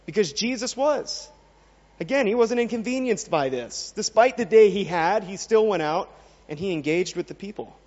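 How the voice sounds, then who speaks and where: A man's voice: sits high, lively intonation, normal speed, darkish tone. A man preaching a sermon, earnest and full of questions for his listeners. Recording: dull sound with long reverb in a hall.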